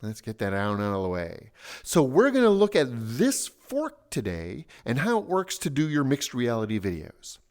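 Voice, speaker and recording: A man hosting a tutorial, patiently walking through software setup step by step. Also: mid-range voice, wildly swooping pitch, normal speed. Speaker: tutorial host.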